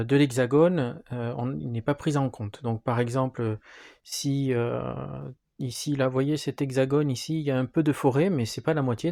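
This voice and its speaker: A man with a gravelly, dark voice walks viewers through setting up a historical wargame. He pauses often with fillers as he sorts the pieces and explains each step. The tone is that of a relaxed tabletop tutorial. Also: medium pitch. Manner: hesitant, frequent fillers while handling pieces. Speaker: board game presenter. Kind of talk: wargame rules walkthrough.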